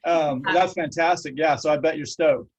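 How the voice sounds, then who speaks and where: A middle-aged man hosts a casual interview. He talks in an earnest, rambling way, stopping often to reflect. His voice sits slightly high for a man. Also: fairly even intonation, normal speed, low-quality recording. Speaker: host.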